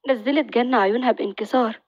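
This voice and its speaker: Brisk woman narrating a story. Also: a little high, dry recording, muffled recording.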